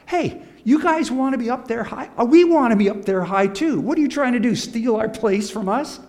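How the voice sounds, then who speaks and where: Preacher man playing eager, envious disciple, pitched way up. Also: lively intonation, moderate pace, a little mellow. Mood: indignant, eager. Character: eager, envious young male disciples clamoring for status. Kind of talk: comic dialogue acted out in a sermon podium speech.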